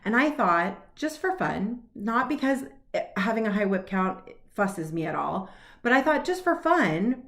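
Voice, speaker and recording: A woman's voice: medium pitch, sing-song, measured pace, fairly bright tone. A woman in her late forties chatting casually to camera about her cross stitch plans, upbeat and laughing at herself. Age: 40s.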